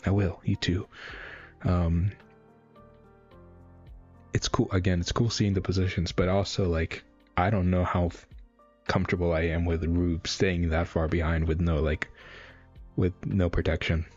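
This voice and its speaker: A man's voice: low voice, flat delivery, measured pace, long pauses, a little mellow, breathy edge, lo-fi sound, soft background music. A man casually reacting live to a webcomic, reading panels aloud and rambling with lots of fillers and restarts.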